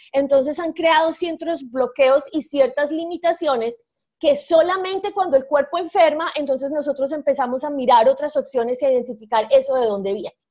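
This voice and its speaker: A woman hosting a live online interview over a video call, speaking effusively with many fillers and restarts. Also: high-pitched. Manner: warm, effusive, hesitant with fillers. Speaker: host.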